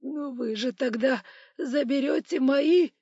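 A woman's voice: high voice, takes it slowly, warm tone, husky, no echo, dull audio, pitched above the performer's own voice, exaggerated voice. Woman doing a sobbing terrified male bank manager. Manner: sobbing, pleading.

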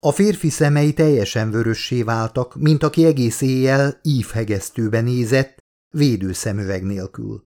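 A man narrating his own book as an audiobook, steady and measured. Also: mid-range voice.

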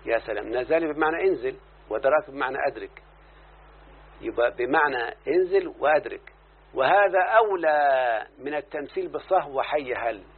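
A man's voice: medium pitch, animated, fairly quick, slightly rough. A man with an Egyptian accent teaching a grammar lesson, explaining verses and checking in with his student. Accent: Egyptian Arabic. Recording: lo-fi phone-like recording with faint hiss.

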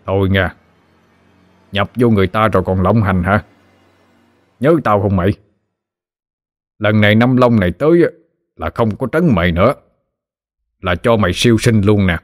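A man's voice: lowish voice, normal speed, long pauses, studio quality, close to an everyday voice. A man playing a cocky old exorcist. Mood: mocking. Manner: casual, mocking banter. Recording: long hall reverb.

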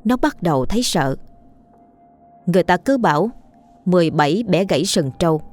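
Female storyteller, suspenseful scripted read, slightly low pitch. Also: expressive, darkish tone, faint music behind. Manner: suspenseful, measured. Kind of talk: scripted ghost story narration.

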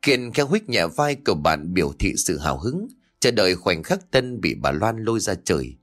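A man narrating a comic audio story in an expressive way. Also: low-pitched, normal speed, faint music behind.

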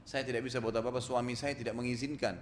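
A man voicing a young wife who softly pleads, in an echoey hall. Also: medium pitch, flat delivery, quick pace, lightly acted. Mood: pleading. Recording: echoey hall, faint noise.

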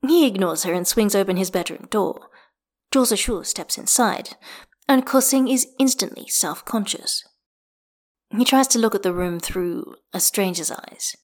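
A woman reading fan fiction aloud as an audiobook, telling the story in an expressive, measured way with dramatic pauses. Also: mid-range voice. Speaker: fanfiction reader. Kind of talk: audiobook narration.

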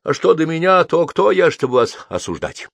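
A gentle old doctor, fatherly and forgiving, as a male audiobook reader puts him on. He speaks softly but lifts into a higher, more animated voice than the reader's own. The reading is dry and close, with no room around it. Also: moderate pace, creaky, no room sound, heavily acted. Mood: tender. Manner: tender, fatherly, gently urging. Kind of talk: audiobook character voice.

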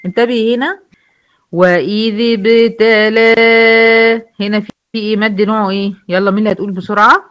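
Egyptian woman, Quran teacher, mid pitch, slow drawn-out recitation between quick explanations, muffled low-fi sound. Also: steady tone, a bit bright. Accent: Egyptian Arabic. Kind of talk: tajweed lesson.

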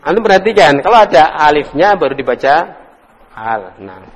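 A man teaching Arabic to a class, quizzing students, correcting them with gentle teasing and sounding out words slowly. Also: a little high, very animated. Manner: drills pronunciation slowly, corrects and teases students. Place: lecture hall with students. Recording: echoey hall recording.

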